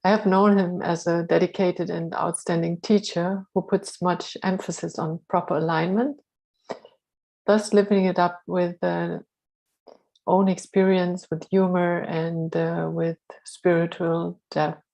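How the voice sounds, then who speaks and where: A woman's voice: lowish voice, level tone, unhurried, vocal fry, darkish tone, poor audio. A woman reading a speaker's introduction at an online symposium, earnest and stumbling over a few words. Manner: earnest, with slips and self-corrections.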